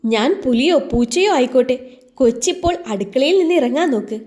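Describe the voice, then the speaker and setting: A woman plays a shrill, bossy middle-aged housemaid in a read-aloud story. Her voice rides high and loud, snapping out scoldings in quick bursts, yet keeps a mellow, soft-edged tone. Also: lively intonation.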